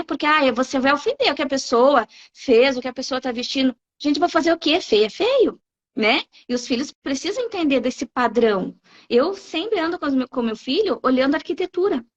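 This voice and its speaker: Brazilian woman in her 40s-ish going off bluntly, high voice, kinda dull lo-fi stream sound. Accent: Brazilian Portuguese. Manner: animated, blunt, frequent "né?" tags. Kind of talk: emphatic preaching-style talk. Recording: dull lo-fi live stream audio.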